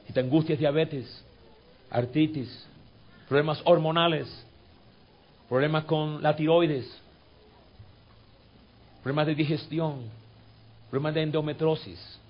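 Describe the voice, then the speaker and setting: A pastor leading his congregation in a sermon and guided prayer. He repeats scripture lines, swells to fervent peaks and sinks to soft, coaxing tones. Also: on the high side, fairly even intonation, unhurried, pauses often, dull audio. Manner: repeats phrases and drills scripture.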